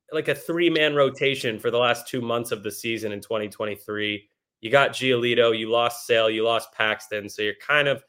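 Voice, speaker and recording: A man with an ordinary mid-range voice talks as a podcast guest. He works through his points step by step, thinking aloud. The delivery stays casual and conversational. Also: mid-range voice. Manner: analytical, thinks out loud. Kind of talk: casual sports chat.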